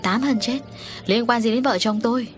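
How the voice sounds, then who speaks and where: A woman's voice: fairly high pitch, normal speed, soft background music, pitched above the performer's own voice, close to an everyday voice. A woman voicing an anxious middle-aged wife who cries out in distress, in a storybook reading. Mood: fretful.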